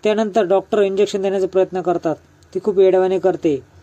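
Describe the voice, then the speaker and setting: Man, serial episode recap narration, high voice, flat even delivery, steady retelling. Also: fast talker, highs cut off.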